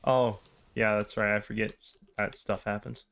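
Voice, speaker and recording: A man hosting a game playthrough with casual, wry, deadpan commentary and rambling asides. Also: fairly low pitch, moderate pace, vocal fry. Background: game music.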